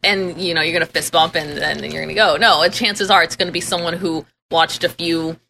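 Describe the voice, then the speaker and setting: A chatty woman co-hosts a casual podcast, teasing her partner and laughing a lot. Her voice sits low but sounds bright and sharp. A faint noise runs behind her. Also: steady tone, a little fast, vocal fry. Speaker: podcast co-host.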